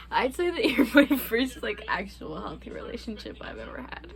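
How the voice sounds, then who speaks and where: A woman's voice: a little high, wildly swooping pitch, moderate pace. Casual young woman, candid and sweary. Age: young adult. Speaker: vlogger hosting a couple Q&A. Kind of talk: casual chat.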